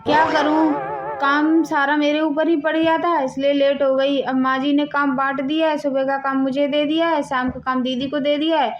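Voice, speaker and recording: A woman's voice: sits high, flat delivery, normal speed, dull audio, faint music behind, close to an everyday voice. A woman doing a meek, dutiful young wife. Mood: explaining. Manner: polite, pleading, compliant.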